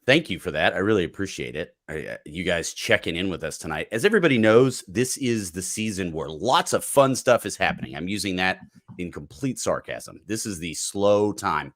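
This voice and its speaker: A man's voice: low voice, fairly bright tone, dry recording, clean studio sound. A man hosting a live sports talk stream, joking casually and reading out viewer questions while fighting a cold. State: has a cold. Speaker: podcast host.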